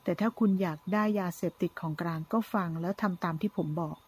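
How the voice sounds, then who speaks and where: A woman voicing a secretive male caller who speaks coldly, husky and low. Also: fast. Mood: menacing. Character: anonymous male caller, menacing.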